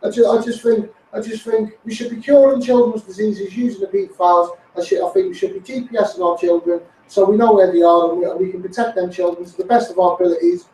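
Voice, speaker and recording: Talking fast with few pauses, a Scouse man in a high, steady, mellow voice pushes a repetitive campaign appeal to his live audience, speaking straight to the people in power. He sounds far from the microphone in an echoey space.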